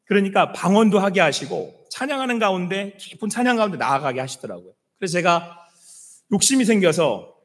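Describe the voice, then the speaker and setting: A middle-aged man preaches with fervor in a high, lively voice that rises and falls widely. His tone is a little husky, and every phrase rings out into the long reverb of a church sanctuary. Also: a little fast. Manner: impassioned preaching, dropping to soft hushed quotes of God. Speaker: senior pastor. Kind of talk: sermon.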